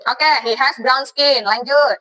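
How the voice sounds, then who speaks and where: A woman's voice: high-pitched, slow, bright, forceful tone, rough recording. A woman with an Indonesian accent teaching a class in a classroom, encouraging students and mixing English phrases into her speech. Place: school classroom.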